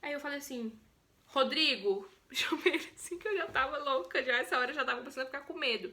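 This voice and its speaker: A young Brazilian woman with a Brazilian Portuguese accent, telling her own birth story in a chatty, expressive vlog. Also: high voice, fast.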